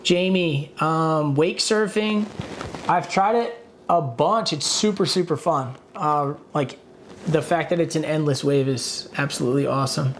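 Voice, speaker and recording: A man's voice: a little high, a little slow, a little hiss or hum. A man in his thirties speaking casually as a guest on a video call, laid-back and grateful, with lots of fillers.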